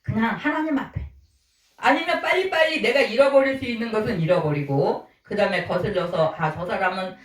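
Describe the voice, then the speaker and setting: A woman's voice: a little high, animated, brisk. A middle-aged woman pastor preaching a conversational sermon, asking her congregation questions and acting out little quotes. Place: small church sanctuary. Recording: echoey church hall, distant mic.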